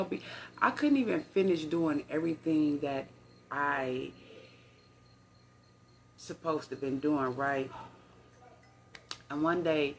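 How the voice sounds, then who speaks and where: A woman's voice: deep voice, a little hiss or hum. An older woman, chatting to her viewers in a rambling storytime vlog recorded on her phone. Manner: rambling, conversational, addresses viewers as y'all. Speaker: vlogger.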